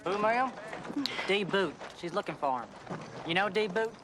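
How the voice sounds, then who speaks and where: An actor playing a plain-spoken frontier wagon driver. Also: male voice, high voice, expressive, moderate pace. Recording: film soundtrack with loud hoof noise.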